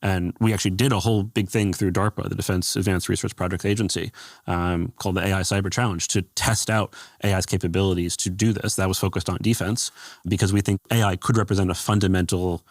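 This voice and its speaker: Man, very low gravelly voice, dry booth sound; measured policy guest who pauses on fillers. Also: steady tone, no echo. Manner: measured, thoughtful, with frequent fillers. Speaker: guest, former government AI adviser. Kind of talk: interview answers.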